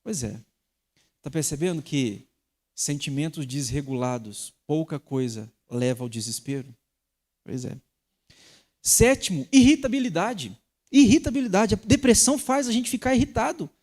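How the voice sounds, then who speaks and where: Male pastor, sermon, very lively pitch swings, emphatic peaks. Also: moderate pace. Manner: animated preaching with sharp emphatic rises. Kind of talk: sermon teaching.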